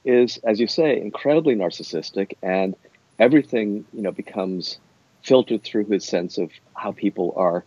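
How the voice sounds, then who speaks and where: A middle-aged man with a dark, relaxed, lowish voice talks like an academic in a thoughtful interview. His phrasing is discursive and hesitant, and the sound is dull and roomy. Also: normal speed, breathy edge. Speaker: university academic being interviewed.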